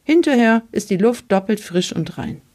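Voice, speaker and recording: A woman voicing a kindly older male doctor who talks calmly and reassuringly, in a storybook reading. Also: medium pitch, normal speed, natural voice.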